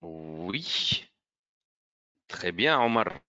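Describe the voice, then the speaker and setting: A male teacher runs an online French grammar lesson for children. He speaks slowly and with a lively, rising and falling pitch. His tone is bright, and the lo-fi audio sounds a little dull. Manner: encouraging, praises pupils by name; slow, careful explaining.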